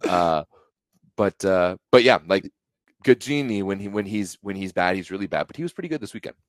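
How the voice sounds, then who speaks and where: A young man co-hosting a sports podcast, talking in a casual, animated way with many fillers and restarts. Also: low voice, a little fast, no echo, clean studio sound. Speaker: podcast co-host.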